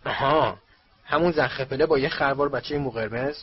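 A man voicing an angry, stout middle-aged uncle who scolds in gruff outbursts, read from a storybook. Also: mid-range voice, muffled recording. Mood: scornful.

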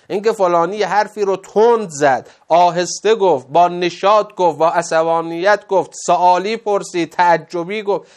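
A man giving a religious lecture, explaining at length and quoting Arabic scripture in a slow, measured recitation. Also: on the high side. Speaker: cleric.

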